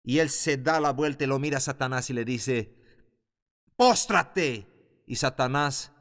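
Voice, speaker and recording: A man teaching a Bible class in a fervent preaching style, building to loud exclamations. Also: mid-range voice, steady tone, a little fast. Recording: long hall reverb.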